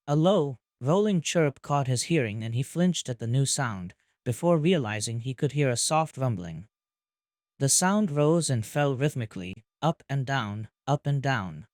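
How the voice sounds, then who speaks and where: A man narrates a story in an even, calm manner at a medium pitch. The recording is dry and close, with no room sound. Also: no echo. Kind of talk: scripted narration of fan fiction.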